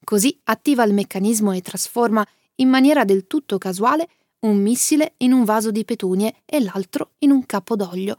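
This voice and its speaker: A woman narrating and summarising a story with clear, lively storytelling and asides to the listener. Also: fairly high pitch, moderate pace, no echo, studio quality.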